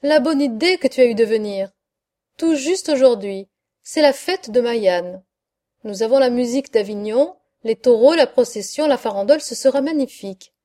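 A woman reading a classic story and voicing a warm-hearted, exuberant male poet who greets an old friend with hearty exclamations. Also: fairly high pitch, moderate pace, hardly any pauses, close to an everyday voice. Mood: delighted.

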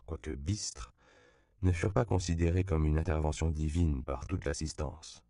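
Deep gravelly male audiobook narrator. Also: no echo, clean studio sound. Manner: measured, even storytelling.

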